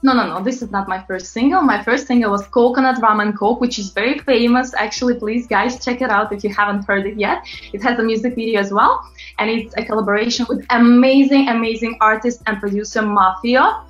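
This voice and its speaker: A woman from Latvia, a pop singer guest, chatting in a lively, animated way in an interview. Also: on the high side, brisk. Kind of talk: casual interview talk. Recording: roomy, slightly muffled sound with faint music.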